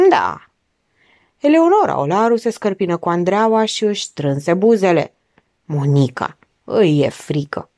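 Lively woman reading a story aloud. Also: no echo, studio quality. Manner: acts out characters with big pitch jumps. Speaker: audiobook reader. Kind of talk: expressive audiobook narration.

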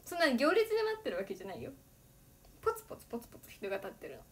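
A woman's voice: on the high side, wildly swooping pitch, racing, a little hiss or hum. Giggly teenage girl chatting on a livestream. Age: teens. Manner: giggly, chatty, laughs often between sentences. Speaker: idol livestreamer. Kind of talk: casual livestream chat.

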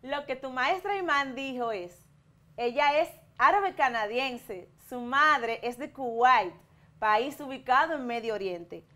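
A Dominican woman in her thirties teaches English to schoolchildren in a televised lesson, speaking with a Dominican Spanish accent. She talks very slowly and clearly, with a slightly high voice. She models each sentence so students can repeat it. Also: expressive, sharp tone. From Dominican Republic. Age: 30s. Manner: slow, clear bilingual explaining, modelling words for repetition.

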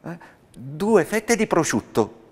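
A man voicing a humble, thrifty shoemaker's wife in a storybook reading, raising his voice into a mild, soft-spoken tone. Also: on the high side, sing-song, takes it slowly, slightly rough, big-room sound, pitched above the performer's own voice, exaggerated voice.

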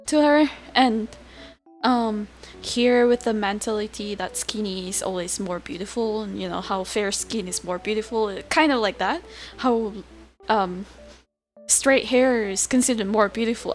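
A young woman chatting casually on a livestream as a VTuber, with a cutesy, giggly, self-deprecating manner. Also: fairly high pitch. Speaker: VTuber streamer chatting with viewers.

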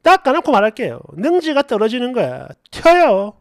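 A woman reads online posts aloud as a story, animating them and acting out the quoted lines. Her pitch swings widely as she talks. The recording is dry and close to the mic. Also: sing-song, normal speed, no room sound. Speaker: story channel narrator.

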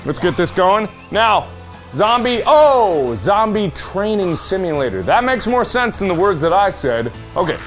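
A young man giving let's play commentary on a virtual reality zombie shooting game, swearing and joking, dropping to mutters and jumping to yelps and shouts. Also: high voice. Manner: swears and jokes while playing. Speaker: gaming YouTuber.

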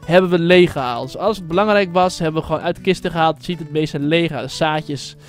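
A man's voice: fairly high pitch, fast talker, faint music behind. A man hosting his own gaming channel, giving casual, rambling commentary full of fillers and slang.

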